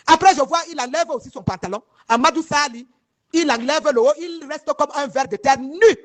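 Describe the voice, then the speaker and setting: A woman's voice: high voice, moderate pace. A woman from northern Cameroon, giving heated first-person testimony straight to her viewers, emphatic and rambling, often repeating herself and asking if they follow. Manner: emphatic and rambling, with many repeated words and restarts.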